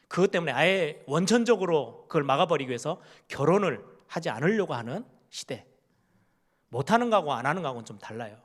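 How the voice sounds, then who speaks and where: A middle-aged pastor delivers his sermon in a relaxed, conversational way, his voice sitting a little high for a man. He puts questions to the congregation and slips into the voices of parents and children as he quotes them.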